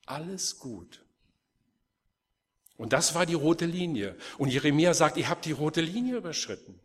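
A man preaching a sermon, telling the story in a lively way and acting out the voices of the people. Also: on the high side, normal speed, breathy edge. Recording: long hall reverb.

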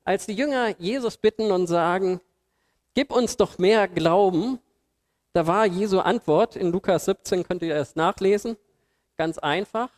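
A man's voice: high-pitched, normal speed. A man preaching a sermon in a church hall, colloquial and humorous, asking his listeners questions. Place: church hall with projected slides. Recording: long hall reverb.

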